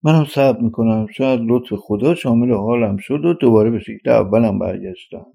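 Storybook figure: a tearful young village woman, read by a man, dark warm tone. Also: medium pitch, vocal fry, slightly rough. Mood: pleading. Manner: earnest, tearful pleading.

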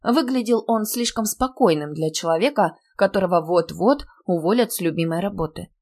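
A woman narrating a first-person romance audiobook in a lively, expressive storytelling manner. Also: on the low side, moderate pace.

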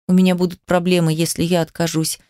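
A woman's voice: lowish voice, little pitch movement, quick pace, warm tone, smooth, dry recording, studio quality, pitched below the performer's own voice, natural voice. A woman voicing a tired, blunt female hospital doctor who talks in coarse everyday speech. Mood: weary, pitying. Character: weary, world-worn female hospital doctor.

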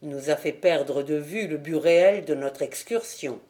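Man reading as a calm, assured detective. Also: on the high side, pitched below the performer's own voice, natural voice. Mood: quiet. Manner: assured, measured.

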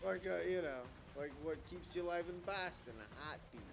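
A man's voice: high-pitched, fairly quick, creaky, background noise. A man co-hosting a podcast, trading crude, profane jokes in casual banter. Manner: joking, profane, breaks into song. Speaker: podcast co-host.

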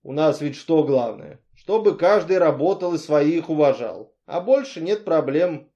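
Brash jovial boss, blunt, warm, read by the narrator. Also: male voice, on the high side, animated, a little slow, lo-fi sound.

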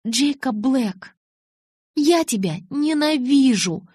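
A stubborn teenage girl as a woman reader puts her on yells in a high, shrill voice. The tone is slightly husky and breathy. It is recorded close and dry for an audiobook. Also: expressive, normal speed, no room sound. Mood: furious.

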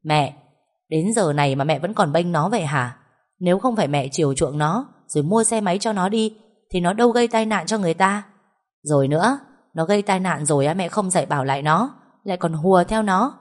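A woman voicing a calm, blunt younger sister who speaks plainly and reproaches her family. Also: lowish voice, fairly quick, lightly acted. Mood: reproachful. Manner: calm then sharply reproachful.

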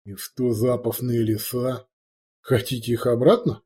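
A man's voice: medium pitch, flat delivery, unhurried, dark tone, natural voice. A man voicing a haughty male trophy expert who speaks curtly and coolly. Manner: cold, curt, superior.

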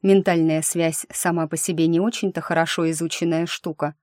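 A woman telling a first-person fantasy story as an audiobook narrator, with lively, engaged storytelling. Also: low-pitched, a little fast, no room sound, clean studio sound.

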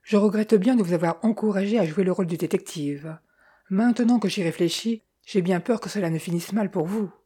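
A woman voicing a calm, decisive young fiancée who talks in a composed, gently persuasive way. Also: mid-range voice, a little fast, breathy edge, close to an everyday voice. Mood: grave.

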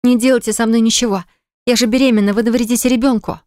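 A woman's voice: sits high, flat delivery, brisk, clear, resonant tone, no room sound, studio quality, pitched above the performer's own voice, natural voice. Reader voicing a frightened, pleading young woman. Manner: pleading, tremulous.

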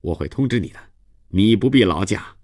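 A man gives voice to a smooth, boastful acquaintance who rattles off promises he never means to keep. The voice is deep but pushed up and hurried, with a fobbing-off impatience. It is a dry, close radio-storybook recording. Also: expressive, darkish tone, dry recording. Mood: evasive. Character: evasive boastful man brushing off a pest.

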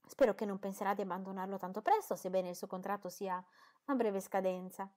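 A woman narrating an audiobook takes on the part of a fussy, boastful middle-aged mother who gushes and gets indignant. In character she goes a little higher and louder than her narrating voice. She speaks a touch fast, staying close to her everyday voice.

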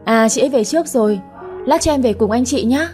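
Lady doing a sulky jealous young girl, high and whiny. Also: a little fast, dark tone, soft background music, natural voice. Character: young village woman, jealous and pouting.

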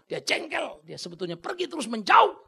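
A man preaching a sermon as pastor, dramatic and blunt, dropping to a hush and then rising to a shout. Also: very high-pitched, huge pitch swings, fairly quick, creaky. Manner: dramatic, swings from hushed to shouting; colloquial, blunt asides.

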